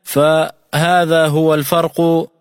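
Radio recitation teacher, man, fairly high voice, clear patient explanations, long hall reverb. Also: level tone, studio quality. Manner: explains rules clearly, then recites examples slowly and melodically. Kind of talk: radio lesson on Quran recitation.

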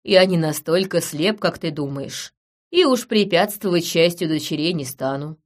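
Calm middle-aged brother, quiet and low, voiced by a woman reader. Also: normal speed.

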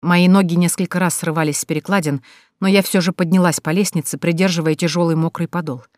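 A woman's voice: lowish voice, fairly even intonation, quick pace, no echo, studio quality. Woman narrating a tense audiobook. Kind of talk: first-person audiobook narration.

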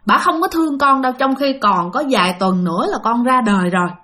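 A woman's voice: a little high, lively intonation, fast, sharp tone. Woman voicing a vengeful baby ghost. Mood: accusing. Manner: accusing, bitter. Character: vengeful ghost of a drowned unborn baby boy.

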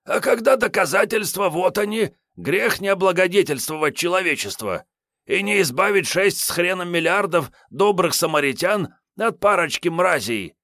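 A boorish, hungover wasteland drifter voiced by a man with a drink-roughened, raised voice that swings all over the place. He grumbles, whines and rants rudely, in a dry, close audiobook reading. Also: sits high, expressive, moderate pace, a bit bright, no echo, voice pushed up. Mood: indignant ranting. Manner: rude, grumbling, self-pitying. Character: hungover boorish male wasteland vagrant gunman. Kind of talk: audiobook character voice.

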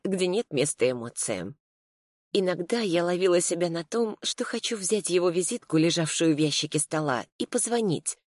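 A woman reading a first-person story aloud in a calm, reflective way. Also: sits low, no room sound, studio quality. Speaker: audiobook narrator. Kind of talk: scripted first-person narration.

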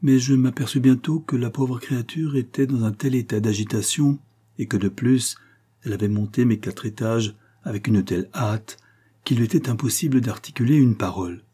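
A man reading a nineteenth-century first-person story aloud in a measured, even way. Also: medium pitch, breathy edge. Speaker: audiobook narrator. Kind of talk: first-person literary narration.

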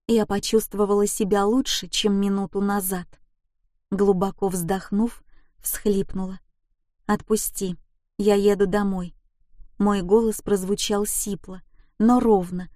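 A woman's voice: mid-range voice, steady tone, unhurried, warm tone, dry recording, clean studio sound. A woman reading an emotional first-person audiobook in a gripping, intense way. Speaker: audiobook narrator.

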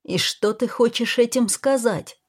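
A woman's voice: a little high, measured pace, voice pushed up. A woman voicing an angry, protective man who speaks in a stern, clipped way in a storybook reading.

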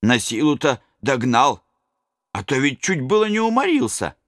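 A man's voice: medium pitch, sing-song, moderate pace, a bit bright, dry recording, studio quality. A man voicing an agitated middle-aged male servant, superstitious and blustering, with folksy exclamations.

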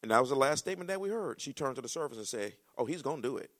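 A male pastor preaching a sermon, acting out dialogue and climbing to shouts. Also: mid-range voice, racing. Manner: animated preaching, acts out dialogue, rises to shouts.

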